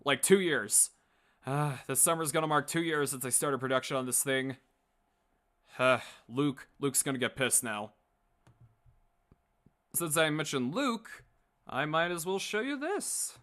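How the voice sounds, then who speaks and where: Here the comic dub creator and livestream host speaks a little high and a little slowly, leaving long pauses in a sharp tone. He rambles casually to his viewers, joking and swearing freely.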